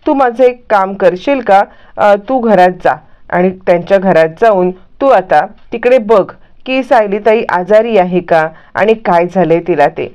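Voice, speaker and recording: A woman's voice: medium pitch, unhurried, a little mellow, close to an everyday voice. A woman voicing a worried young man. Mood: concerned. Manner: anxious questioning. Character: young man, worried about a woman who has not come out. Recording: muffled lo-fi recording.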